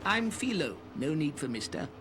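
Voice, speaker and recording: A man's voice: on the high side, big pitch swings, moderate pace. An actor playing a talkative, teasing old cat man in a video game, with a theatrical, chiding, probing manner. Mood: wry, nonchalant. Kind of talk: English video game voice acting. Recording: clearly noisy game audio with ambience.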